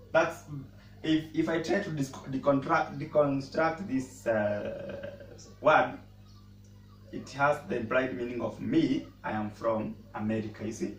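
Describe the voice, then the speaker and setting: A man who speaks natively, teaching a casual language lesson and pausing often to repeat words as he explains. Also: medium pitch. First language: Swahili. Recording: roomy echo, mic at a distance, faint noise.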